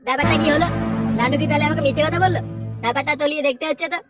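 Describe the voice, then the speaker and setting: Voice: high voice, very fast, lightly acted. A performer voicing a strict, hot-tempered father who scolds and questions his son. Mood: stern. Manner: scolding, interrogating. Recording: loud background music.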